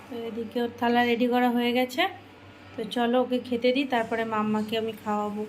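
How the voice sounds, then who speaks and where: A woman's voice: a little high, level tone, fast, a little mellow, slight background noise. A woman from India chatting casually to her viewers in a home vlog from her kitchen, talking straight to them with plenty of "I mean.". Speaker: daily vlogger.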